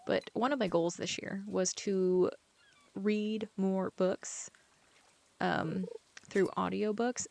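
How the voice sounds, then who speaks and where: A chatty woman talks her way through a relaxed gameplay session, her voice carrying a gravelly, fry-tinged edge. She wanders from topic to topic, fills her sentences with "like," and now and then sinks to a near-whisper. Her pitch sits right in the middle of a woman's range. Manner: rambling, chatty, heavy use of "like". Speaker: author playing a farming game. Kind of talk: casual gameplay chat.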